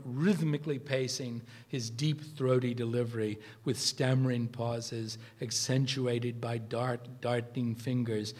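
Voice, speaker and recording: Brief: older male lecturer at an evening talk, mid-pitched, halting with uh and restarts, reading quotes between stories. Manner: anecdotal, with frequent uh fillers and restarts. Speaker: lecturer, former student. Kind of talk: academic lecture, part read aloud.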